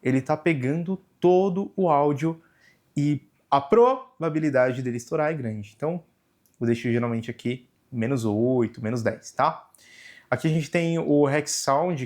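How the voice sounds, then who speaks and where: A young Brazilian Portuguese speaker with a medium-pitched male voice hosts a laid-back camera tutorial, explaining the menu one step at a time. He leans on "né" and "tá" frequently, and his voice is picked up by the camera's microphone.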